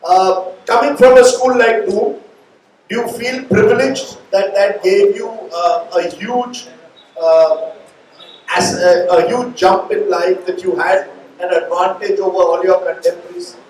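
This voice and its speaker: Middle-aged Indian-accented male interviewer, high-pitched, discursive, distant in a reverberant space. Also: fairly even intonation, a little slow, a little mellow. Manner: discursive, long reflective questions. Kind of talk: live on-stage interview. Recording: echoey room, distant mic, faint noise.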